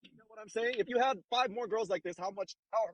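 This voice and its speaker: A man's voice: high-pitched, fast, slight background noise, poor audio. A man hosting a casual advice chat, blunt, profane and streetwise, talking from a car. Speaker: host giving dating advice.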